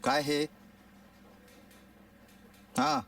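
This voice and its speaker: A curt, dismissive official. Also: male voice, drawn-out words, fairly bright tone, no echo. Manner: curt, bureaucratic. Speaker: office clerk. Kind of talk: film acting. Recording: distant mic with background music.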